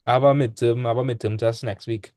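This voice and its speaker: A man's voice: mid-range voice, steady tone, fast, darkish tone, dry recording. A young man, tutoring maths in a casual online class. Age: young adult. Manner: casual, laid-back teaching with dialect speech. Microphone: video call.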